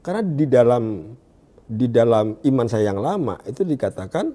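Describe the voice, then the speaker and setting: A man from Indonesia telling his story in an interview, often pausing and restarting as he searches for words, and dropping to a hushed voice when he quotes. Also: lively intonation. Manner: drops to a hushed low voice when quoting. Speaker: guest giving a testimony. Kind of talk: conversational interview.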